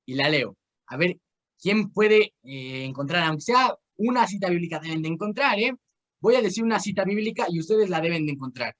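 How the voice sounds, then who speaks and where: Speaking briskly with lively intonation, a high-voiced young man with a Mexican Spanish accent runs an informal Bible class on a video call. He meanders between personal stories and game instructions, often restarting and using fillers.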